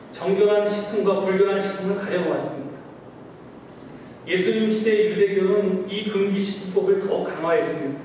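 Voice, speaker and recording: A man's voice: sits high, a little mellow, a little hiss or hum. A male pastor preaching a Sunday sermon in a church, with a conversational, storytelling way of preaching. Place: church sanctuary. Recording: echoey hall, distant mic.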